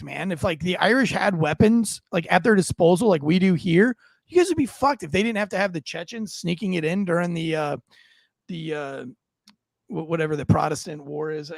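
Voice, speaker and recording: A man from the United States with a high-pitched voice and vocal fry, on a dry recording. He's a podcast co-host delivering a casual, profane rant, rambling along with lots of swearing and many restarts.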